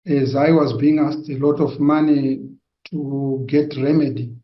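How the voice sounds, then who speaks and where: A man from Zimbabwe giving a personal testimony, slow and hesitant, with many pauses and fillers. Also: medium pitch, fairly even intonation, slight background noise. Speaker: testimony giver. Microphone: video call. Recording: echoey, dull lo-fi sound.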